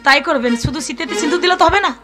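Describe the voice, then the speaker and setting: Woman playing a very high-pitched, distressed young village heroine. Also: racing, over music, lightly acted. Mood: placating, crafty. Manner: theatrical, emphatic, repeating phrases. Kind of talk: Bengali folk stage melodrama. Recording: very loud live musical accompaniment.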